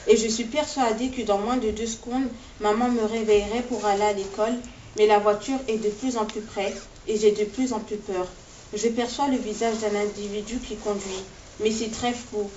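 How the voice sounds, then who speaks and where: A woman author reading aloud from her own novel in a steady, measured way, in short phrases, in a classroom. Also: mid-range voice, a little hiss or hum. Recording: distant, echoey, dull-sounding recording.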